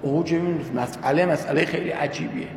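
A man preaching a sermon, telling a religious story in an animated way and voicing the people in it. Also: a little high. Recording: echoey hall with long reverb, faint noise.

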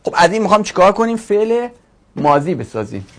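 A man teaching a grammar lesson to a class, drawing out each word form slowly and asking questions he then answers himself. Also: high voice, big pitch swings. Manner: drills word forms slowly, stretching each syllable.

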